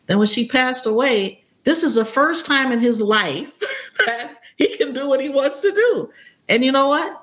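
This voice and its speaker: A woman's voice: sits high, very animated, measured pace, fairly bright tone. A woman of seventy is a guest on a radio talk show. She speaks casually and upbeat and often breaks into laughter. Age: 70s. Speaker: interview guest. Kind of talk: casual interview chat.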